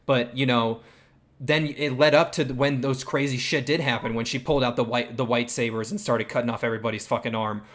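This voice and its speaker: Man, mid pitch, casual chat host, excitable, heavy swearing. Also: a little fast. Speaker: stream host.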